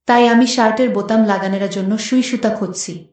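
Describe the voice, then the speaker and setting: A woman's voice: mid-range voice, steady tone, a little fast, darkish tone, close to an everyday voice. A reserved, curt young husband, as a female storyteller puts him on. He speaks briefly and coolly. The sound echoes strongly around the room.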